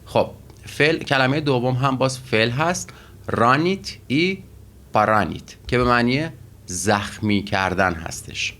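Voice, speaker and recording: A man teaching Russian vocabulary and grammar in a methodical way, pausing often with fillers as he explains each word. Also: medium pitch, animated, fairly bright tone. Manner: methodical, with frequent pauses and fillers.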